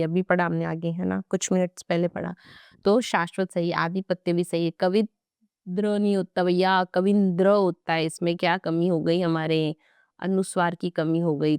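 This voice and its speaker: Young woman teacher doing exam prep, playful chatty asides, kinda low smooth voice. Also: a little mellow, no echo, studio quality. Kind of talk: exam-prep grammar lesson.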